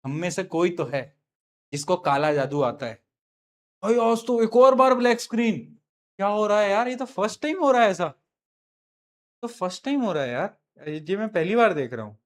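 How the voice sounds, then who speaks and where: A man's voice: high-pitched, animated, normal speed. A man teaching a live online science class in Hindi, chatty and teasing his students, slipping into English terms.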